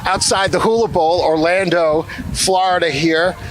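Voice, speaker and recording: A man's voice: high voice, steady tone, a little slow. A man hosting an on-location interview outdoors outside a stadium, upbeat and conversational, ending questions with "right?". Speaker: field reporter and host.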